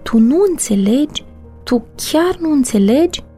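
A trembling, tearful wife who pleads in a raised, shaky voice, as a woman reading the book puts her on. The tone is mellow and soft, and faint music sits underneath this audiobook reading. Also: fairly high pitch. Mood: distraught.

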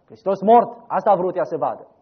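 A man preaching a sermon, telling the story dramatically, rising loud and then dropping soft. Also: high-pitched, lively intonation, husky. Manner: dramatic storytelling, voices quoted figures, rises loud then drops soft. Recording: dull lo-fi recording.

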